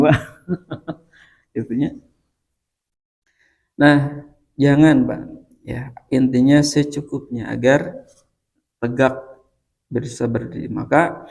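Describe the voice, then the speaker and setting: A man's voice: medium pitch, creaky, warm tone. A male preacher with a Sundanese accent giving a chatty religious study talk, laughing often and addressing his listeners directly.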